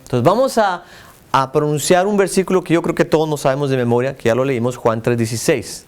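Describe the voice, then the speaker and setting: A man's voice: on the high side, fairly quick, a little mellow, clean tone. Emphatic man teaching a church class. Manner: asks the group questions and stresses words for emphasis.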